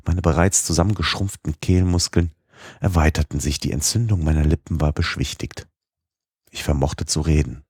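A man's voice: very deep voice, normal speed, darkish tone, slightly rough, no echo, clean studio sound. A man narrating a classic novel as an audiobook, reading expressively and giving voice to the dialogue.

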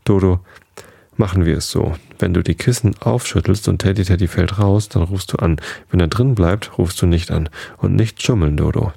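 A man calmly reading a novel aloud in the first person, in an intimate storytelling manner. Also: deep voice, vocal fry, husky, no echo. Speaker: audiobook reader.

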